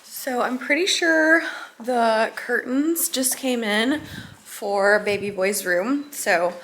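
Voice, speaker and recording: A woman's voice: fairly high pitch, takes it slowly, fairly bright tone, slight background noise. A young woman chatting casually in a home vlog, bubbly and gushing, with lots of filler words. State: out of breath at times. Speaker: lifestyle vlogger. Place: home, indoors. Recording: echoey home room.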